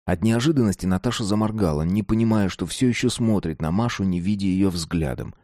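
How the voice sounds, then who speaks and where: A man reading a dark story aloud, slow and deliberate. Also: low voice, dry recording, clean studio sound. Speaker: narrator. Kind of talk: scripted narration of a dark story.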